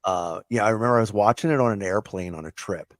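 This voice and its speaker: A man's voice: on the low side, fast talker, dry recording. A man hosting a podcast in casual chat, asking rambling questions full of restarts and repeated words. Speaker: podcast host.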